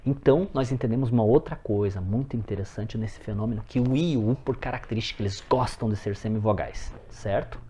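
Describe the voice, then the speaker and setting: Low, mellow-voiced man teaching a lesson. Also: brisk, hardly any pauses, slight background noise. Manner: explanatory, addresses viewers as friends, stresses example words. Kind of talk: recorded phonetics lesson.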